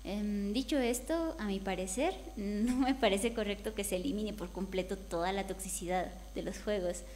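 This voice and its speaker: A woman's voice: medium pitch, moderate pace, darkish tone, a little hiss or hum. A woman speaking candidly on a panel, talking conversationally and slipping into quoted voices now and then. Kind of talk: panel discussion. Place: event hall.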